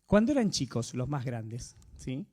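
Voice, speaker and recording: A man's voice: a little slow, breathy edge. A man with a Rioplatense accent preaching a sermon in a conversational way, often checking in with his listeners. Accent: Rioplatense Spanish. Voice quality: animated, swinging pitch. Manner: conversational, asks the audience frequent tag questions.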